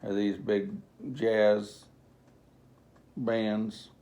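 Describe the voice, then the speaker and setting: A man casually asking questions as an interviewer in a relaxed conversation. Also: on the low side, extremely slow.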